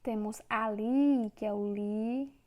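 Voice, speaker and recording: Slow, mellow woman teacher. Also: fairly high pitch, steady tone. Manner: slow, clear syllable-by-syllable dictation. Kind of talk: online Portuguese grammar lesson.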